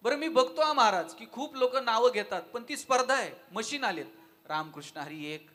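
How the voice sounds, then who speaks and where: A man's voice: extremely high pitch, brisk. A man giving a devotional talk at a live event, telling funny anecdotes and putting questions to the audience. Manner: lively storytelling, asks the audience questions. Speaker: devotional speaker.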